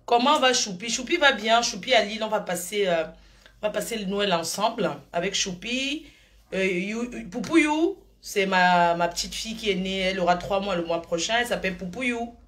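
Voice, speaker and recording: A woman's voice: medium pitch, normal speed, fairly bright tone. Effusive grandmotherly woman live-streaming. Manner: effusive, calls viewers endearments, drifts between topics. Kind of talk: rambling live-stream chat.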